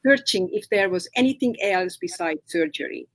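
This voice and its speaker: A middle-aged Romanian woman whose first language is Hungarian is a guest on a live video-call interview, patiently explaining her therapy work. She goes slowly and uses many fillers. Her mid-range voice is animated and a bit bright, but the audio is poor.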